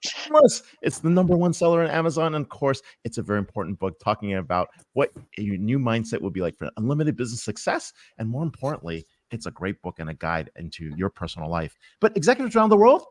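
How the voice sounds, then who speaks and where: Man, co-host, very lively pitch, dry close sound, effusive. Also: fast talker, no room sound. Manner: upbeat and effusive, hypes guests. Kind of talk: lively show intro chat.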